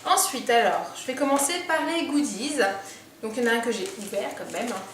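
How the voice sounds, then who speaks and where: A chatty woman vlogger unboxing beauty products, thinking aloud and pausing as she goes. Her voice sits a little high. She is set back from the mic in a very echoey room, with a faint hiss under it. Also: a bit bright, far from the mic. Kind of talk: casual unboxing chat.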